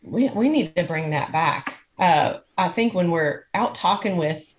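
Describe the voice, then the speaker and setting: A woman's voice: on the low side, expressive, measured pace. A woman, a political candidate speaking earnestly and plainly as a TV interview guest. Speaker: state senate candidate, guest.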